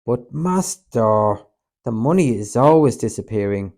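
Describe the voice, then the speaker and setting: A man's voice: medium pitch, animated, measured pace. A man reading an audiobook, voicing Peter, a fiery and protective male disciple who snaps in anger. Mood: angry. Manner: forceful, angry, then remorseful.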